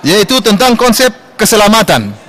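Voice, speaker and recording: A man from Indonesia giving a religious study lecture in a large mosque, quoting scripture in a raised, animated voice. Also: high-pitched, moderate pace, some chatter behind, rough recording. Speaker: Islamic preacher.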